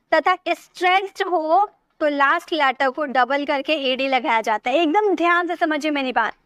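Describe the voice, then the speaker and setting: A woman's voice: high voice, fairly bright tone, no echo. A woman teaching an English grammar lesson, explaining each rule patiently step by step and checking often whether her students have understood.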